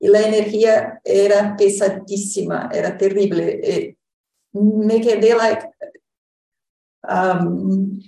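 An echoey, slightly distant recording of a woman. She speaks slowly and with a mellow tone. Her casual sharing is hesitant and drifts between languages. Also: medium pitch, fairly even intonation, gravelly. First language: Portuguese. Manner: hesitant, slipping between Spanish, Portuguese and English. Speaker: panel participant. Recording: echoey room, distant microphone.

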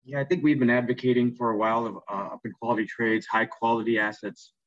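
A man speaks quickly as an expert panelist, with little movement in pitch. The unscripted commentary is recorded dry and slightly muffled. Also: little pitch movement, no room sound. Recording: dull, lo-fi, dry audio.

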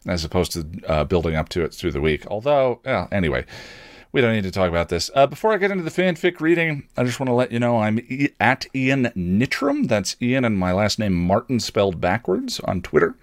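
A man who hosts a podcast and streams gives casual, rambling announcements laced with dry, self-deprecating humour. His voice is on the low side, with no echo.

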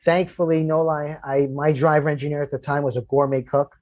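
A man who works as a firefighter, telling a long personal story in conversation, halting and restarting as he goes and growing emotional. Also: a little high, little pitch movement, dull audio. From Florida. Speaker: firefighter guest.

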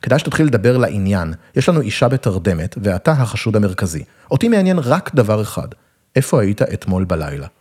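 A man's voice: deep voice, expressive, few pauses, a little mellow. A man doing a dry, impatient police investigator. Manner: dry, interrogating.

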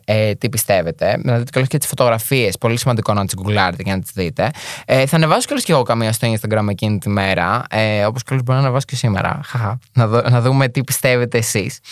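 A young man talks through a podcast episode in a relaxed, chatty monologue and drops in jokey asides. His voice swings up and down a lot, with a middling pitch. The sound is dry and close, with no room echo. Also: clear, resonant tone. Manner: chatty and animated, with joking asides. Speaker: podcast host.

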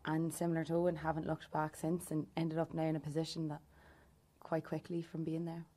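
A woman's voice: low-pitched, completely flat delivery, fairly quick, mellow. A woman in her twenties with an Irish accent, answering conversationally as an interview guest. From County Louth, Ireland. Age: 20s. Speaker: interview guest, youth political group member.

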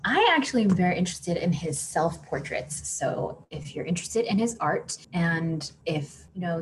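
A low-pitched woman hosts a podcast in relaxed conversation. She talks loosely, with lots of "like" fillers and easy laughter, against a faint background hiss. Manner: chatty, frequent "like" fillers, laughs often. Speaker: podcast host. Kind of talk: casual chat.

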